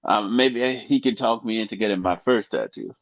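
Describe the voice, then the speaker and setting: Low-ish guy cohosting a chill podcast, goofy and rambly, dry dull audio. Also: brisk, dry recording. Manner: joking, rambling, laughs at his own jokes. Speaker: co-host. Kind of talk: casual podcast chat.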